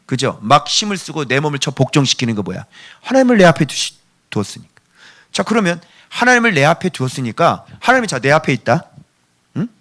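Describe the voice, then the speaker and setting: A man's voice: a little high, very animated, brisk, a bit bright. A male pastor preaching a sermon in a playful, theatrical way, quizzing his congregation.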